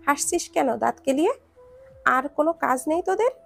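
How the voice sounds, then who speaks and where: A woman voices a hot-tempered young man in a storybook reading, his words harsh and scolding. The voice sits high and carries a gravelly rasp. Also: lively intonation, normal speed, fairly bright tone, exaggerated voice. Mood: stern. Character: stern, short-tempered young man, a doctor.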